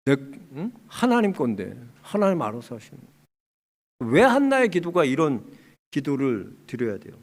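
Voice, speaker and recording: Impassioned high-voiced male pastor preaching. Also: wildly swooping pitch, moderate pace. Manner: impassioned, swinging from loud cries to hushed near-whispers. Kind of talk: sermon.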